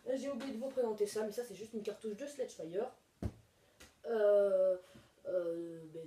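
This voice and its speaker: Casual home-video host, woman, high voice, halting and rambling, noisy room. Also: mellow. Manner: rambling, many hesitations and fillers. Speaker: video host reviewing toy blaster magazines. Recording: echoey room, mic far off, noisy.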